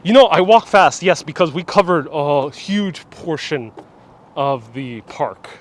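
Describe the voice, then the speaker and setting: Outdoors in a large sculpture park, a Puerto Rican vlog host runs a casual live-streamed tour, chatting and reading viewers' comments aloud. His slightly high voice is expressive and measured in pace. He uses a phone on a gimbal with a wireless mic.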